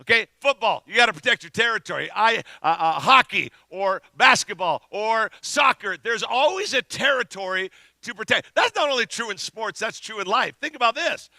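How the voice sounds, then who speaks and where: A middle-aged man preaches with animated storytelling, his voice pitched high with a gravelly edge. The tone is sharply bright, and he sometimes rises to a shout. The sound is dry and close. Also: normal speed, dry recording. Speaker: pastor. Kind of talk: sermon with storytelling.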